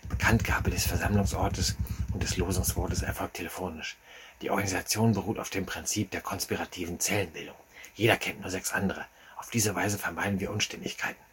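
A man's voice: low-pitched, fairly even intonation, fairly quick, slight background noise. A man whispering as a jittery secretive party host. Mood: conspiratorial. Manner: conspiratorial hushed whisper. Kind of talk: whispered role-play.

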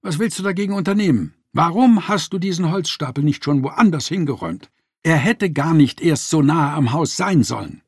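Man putting on a shrill furious young mother. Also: lively intonation, moderate pace, darkish tone, breathy edge, no room sound, studio quality, full character voice. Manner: shrill, accusing.

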